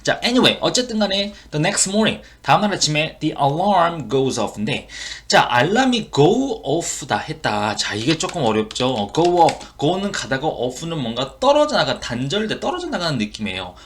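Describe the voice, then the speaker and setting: Korean man teaching English phrases, lively pitch. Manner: explains phrases slowly, repeating English lines. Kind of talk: online English lesson.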